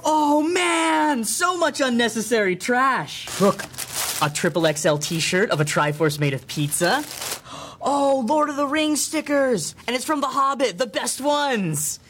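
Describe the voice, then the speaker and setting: An actor playing a gushing, gullible and excitable box-subscription fanatic in a comedy sketch. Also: mid-range voice, moderate pace, a little hiss or hum, close to an everyday voice. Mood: gushing excitement. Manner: over-excited, exclamatory. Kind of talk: comedy sketch parody ad dialogue.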